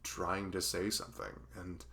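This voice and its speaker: Here the dorky, anxious best friend from a conversational ASMR roleplay is voiced by a man speaking low and unhurried, in a completely flat, sharp-toned delivery. He still rambles and stammers, joking at his own expense, with an enthusiastic, rambling mood.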